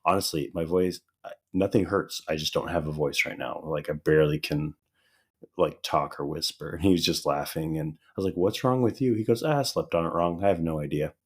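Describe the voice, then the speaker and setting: Deep-voiced man with a raspy, dry voice. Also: fairly quick. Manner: relaxed storytelling, laughing often. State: hoarse, recovering voice. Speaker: podcast co-host. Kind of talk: casual chat.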